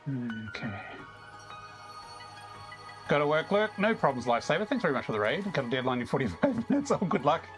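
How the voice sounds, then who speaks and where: An Australian man chatting casually with viewers as he streams a video game, easygoing and quick to chuckle. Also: on the high side, big pitch swings, music in the background. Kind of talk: casual live-stream chat while playing.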